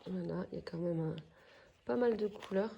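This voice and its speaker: A woman's voice: on the low side, gravelly, mellow, dull audio, a little hiss or hum. A woman with a French accent chatting casually as she unboxes craft kits, hesitant and full of fillers. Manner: slow and hesitant, many fillers. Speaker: crafts vlogger.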